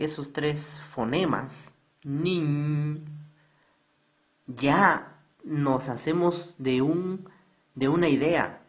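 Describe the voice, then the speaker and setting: A man's voice: mid-range voice, lo-fi sound. A man teaching a recorded slideshow lesson, patiently repeating definitions and asking his students questions.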